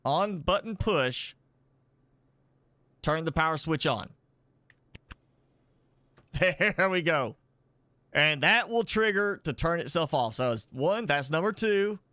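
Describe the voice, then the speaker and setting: A man's voice: on the high side, lively intonation, slow pace, long pauses, pushed and bright, dry recording. A man hosting a casual live gameplay stream, thinking aloud as he builds, rambling and chuckling now and then. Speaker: gaming channel host. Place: indoors at home with a pet dog.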